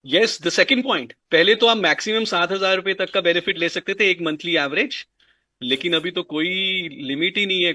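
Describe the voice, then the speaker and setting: Guy explaining a business plan, high voice, dry close sound, says things twice for emphasis. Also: bright, forceful tone, no echo. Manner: mixes Hindi and English, repeats phrases for emphasis. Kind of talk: explanatory interview talk. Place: indoors at a dining table.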